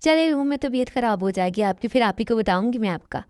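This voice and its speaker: A woman voicing a gentle, reassuring young daughter in a fan dub. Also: on the high side, animated, fast, dry recording, clean studio sound, natural voice. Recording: music in background.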